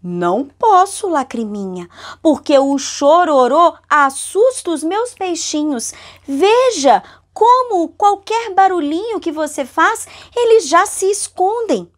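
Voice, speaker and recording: A woman voicing a gentle male river who kindly says no, speaking calmly and slowly in a lower tone. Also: exaggerated voice.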